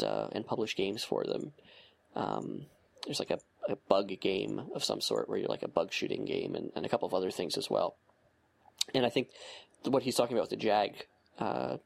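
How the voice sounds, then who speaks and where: A man with a gravelly, creaky voice co-hosts a relaxed podcast. He reads out listener comments and chats on, stopping and restarting his sentences. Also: lowish voice. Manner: hesitant, many fillers and restarts, chuckles easily. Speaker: podcast co-host. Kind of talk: casual chat, reading listener comments aloud.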